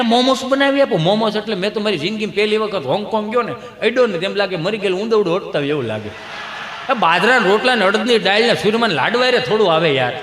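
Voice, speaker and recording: A man telling folksy jokes on stage and voicing the characters in them. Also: high voice. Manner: folksy, animated, voices the characters in his jokes. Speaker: stage comedian. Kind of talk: stage comedy storytelling. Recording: echoey hall with faint noise.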